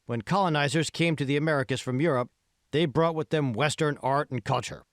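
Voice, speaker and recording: A man's natural voice, pitched above his own and a little high, brings to life a self-assured tech billionaire and smug art patron in audiobook dialogue. Smooth and confident, he explains things and insists on his point at a slightly fast pace. The recording is dry and studio-clean.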